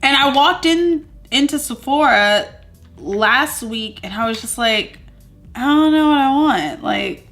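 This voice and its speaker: A woman's voice: high voice, lively intonation, slow, a bit bright, soft background music. Chatty woman vlogger in her thirties. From Southern US. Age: 30s. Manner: chatty, upbeat, rambling with many fillers. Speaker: beauty vlogger. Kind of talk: casual chatty get-ready-with-me vlog. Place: at home among moving boxes.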